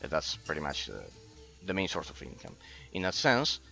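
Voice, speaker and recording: Gaming on stream, a Spanish-speaking man in his late twenties chats casually with viewers, often tripping over and repeating the first words of his sentences. His rumbling low voice is very animated, creaky, pushed and bright at a moderate pace, with soft music in the background.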